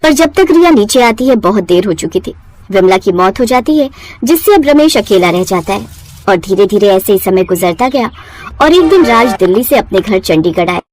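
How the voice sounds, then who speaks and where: Expressive woman narrating a storybook cartoon. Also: medium pitch, moderate pace, a little hiss or hum.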